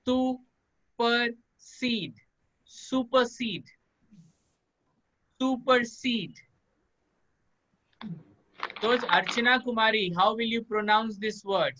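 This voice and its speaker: A man teaches a live online English class, repeating each word slowly and calling on students one by one to say it back. His voice is bright and forward, and it comes through dull, lo-fi call audio. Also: sits high, lively intonation. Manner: drills pronunciation by slow repetition, calls on students by name. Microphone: video call.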